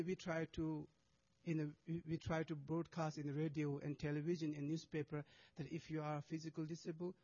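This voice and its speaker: A monastic speaker presents his charity work to an audience alongside a video, speaking halting, non-native English full of restarted words and fillers. His voice is a little high and mellow. The lo-fi recording sounds slightly dull.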